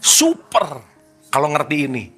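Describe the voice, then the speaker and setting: A man's voice: a little high, wildly swooping pitch, a little slow, a bit bright, husky, soft background music. A man leading a casual religious study talk, playful and teasing, slipping in English words. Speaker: spiritual teacher.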